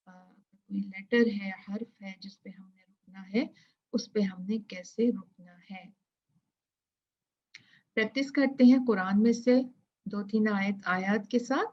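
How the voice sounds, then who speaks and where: A woman teaching a Tajweed lesson, drilling syllables slowly and repeating them for students to echo. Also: medium pitch. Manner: drawn-out chanted recitation of verses. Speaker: Quran recitation teacher. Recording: dull lo-fi sound.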